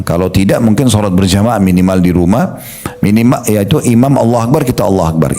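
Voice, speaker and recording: Low, mellow-voiced male preacher. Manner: conversational, demonstrates slow prayer recitations with pauses. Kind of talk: religious study sermon.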